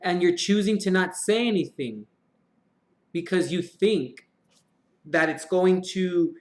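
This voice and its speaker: A fairly high-voiced man gives a casual tarot reading on a live stream, talking loosely and dropping the odd curse. His voice bounces around a roomy, echoey space. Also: takes it slowly. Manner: chatty, swears casually, murmured prayers to draw cards. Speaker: tarot reader. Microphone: live-stream mic. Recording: echoey room.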